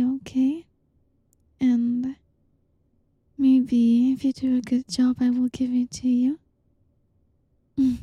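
A young woman speaks in a breathy, hushed voice, lingering very slowly over every word as she teases and coaxes. Her tone is high yet mellow and dark, held within a narrow, even range. The sound is dry and close. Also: no echo. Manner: teasing, coaxing, soft-spoken. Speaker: audio roleplay performer. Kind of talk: intimate whispered roleplay.

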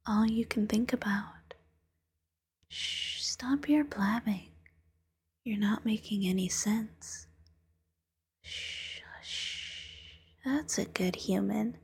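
A woman plays a playful, teasing female demon who hypnotizes, in an ASMR roleplay that is soft-spoken and coaxing. Her medium-pitched voice is whispery and breathy, and the performance is heavily acted.

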